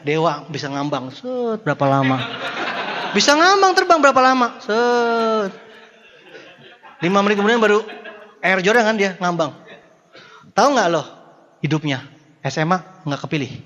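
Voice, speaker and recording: Guy with doing a motivational talk, high voice, cracking jokes, big reverby hall. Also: lo-fi sound. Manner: joking, animated, addresses audience directly. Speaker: motivational speaker.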